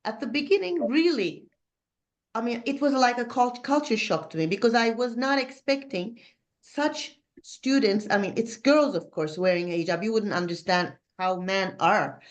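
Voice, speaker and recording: Woman teacher on a video call, kinda high voice, lots of um and i mean, hesitant. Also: normal speed. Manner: hesitant, many fillers. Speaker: workshop participant, teacher. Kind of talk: sharing a personal story.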